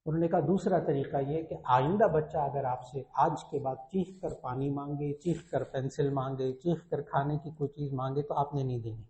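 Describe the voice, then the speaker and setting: A man's voice: mid-range voice, hardly any pauses, dark tone. A man with a Pakistani Urdu accent, a religious scholar giving a sermon, telling stories earnestly and repeating his key points for emphasis. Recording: echoey, dull lo-fi recording.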